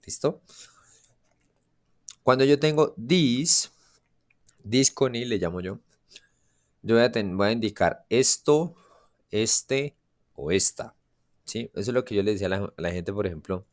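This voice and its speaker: Low-voiced teacher checking in with students. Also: male voice, animated, moderate pace, pauses often. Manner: asks students frequent checking questions. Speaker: English teacher. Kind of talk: classroom lesson.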